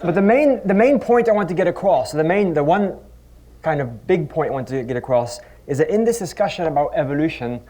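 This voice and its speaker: A middle-aged physics professor from the Netherlands speaks on stage to a live conference audience, mixing funny anecdotes with wry, self-deprecating remarks and often restarting his sentences. His voice is fairly high with a darkish tone.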